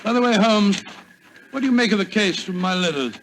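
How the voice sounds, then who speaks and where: An actor playing a genial, blustering middle-aged British doctor in a 1940s radio drama. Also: male voice, high voice, lively intonation, fairly quick, fairly bright tone, rough recording. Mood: puzzled. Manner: hearty, avuncular, blustering. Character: genial, blustering English doctor, the detective's loyal companion. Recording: old 1940s radio recording, faint noise.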